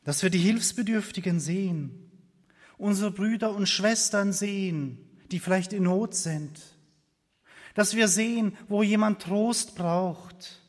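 A high-voiced man delivers a slow, earnest sermon, leaning on repeated phrases and sometimes dropping nearly to a whisper. The long reverb of a church hall carries his words.

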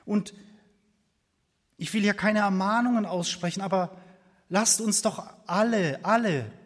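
In a slightly bright, high voice, a man gives a slow and earnest sermon. He builds on repeated phrases, occasionally sinking to near a whisper, while the church hall lends a long reverb.

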